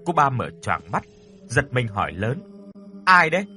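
A man narrating a ghost story in a scripted, expressive and dramatic storytelling style. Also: medium pitch, normal speed, faint music behind.

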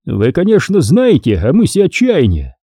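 A man voicing a stern, commanding imperial general in a dark, husky voice, reading an audiobook. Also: on the high side, wildly swooping pitch, normal speed, no room sound, studio quality, pitched above the performer's own voice, exaggerated voice. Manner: blunt, commanding orders.

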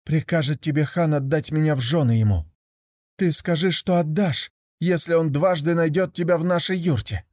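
A man's voice: fairly high pitch, normal speed, dry recording, studio quality, voice pushed up, natural voice. A man voicing a clever young wife with magic. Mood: knowing. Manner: calm, knowing counsel.

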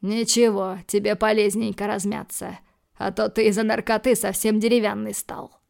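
A woman voicing a cold, menacing male hero who threatens calmly in low, clipped lines, for an audiobook. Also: normal speed, creaky, lightly acted. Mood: threatening.

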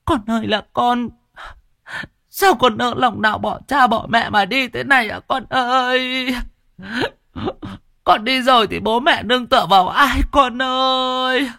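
A man voicing a grieving village mother in a high, keening lament. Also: unhurried, vocal fry, pushed and bright, no echo, clean studio sound, exaggerated voice. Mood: wailing grief.

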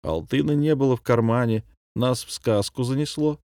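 A man voicing a wary, level-headed young man who speaks in quiet, measured tones. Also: medium pitch, no room sound, clean studio sound, close to an everyday voice.

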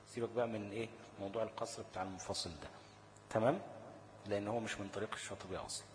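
A man with an Egyptian Arabic accent teaching a tajweed lesson. He keeps asking rhetorical questions, answers them himself, and slows down to chant short recited examples. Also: fairly low pitch, long reverb tail, a little hiss or hum, poor audio.

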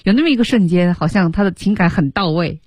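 A woman co-hosting a radio English lesson, giving quick remarks and introducing students. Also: on the low side, lively intonation, darkish tone, husky, dry recording. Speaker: co-host teacher. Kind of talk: radio teaching commentary.

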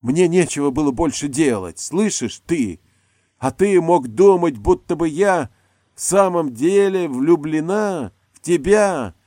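A man's voice: medium pitch, big pitch swings, drawn-out words, darkish tone, dry recording, clean studio sound, pitched above the performer's own voice, full character voice. A man voicing a grand, furious middle-aged actress who declaims like she is on stage. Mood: raging.

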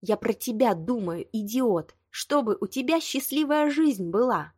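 A woman reading the lines of a prickly young woman, hurt but proud, defensive and quick to flare up. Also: a little high, expressive, darkish tone, husky, no room sound, clean studio sound, voice pushed up. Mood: flaring. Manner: tearful, defensive, flaring. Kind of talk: audiobook dialogue reading.

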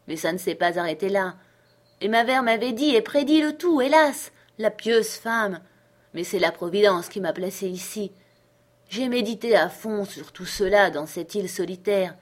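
A woman voicing Ben Gunn, a hoarse, half-mad old male castaway who talks eagerly and wheedles. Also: mid-range voice, lightly acted. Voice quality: hoarse, creaky.

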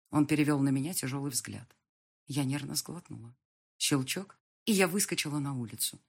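A woman reads a first-person audiobook with expressive emotion. Her voice is low and husky. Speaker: audiobook narrator.

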